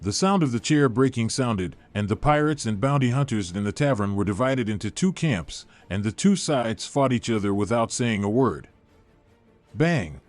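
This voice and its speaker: A man reading a story aloud in an even, steady narration, with dialogue read in much the same flat voice. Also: mid-range voice, normal speed, few pauses. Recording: faint music behind.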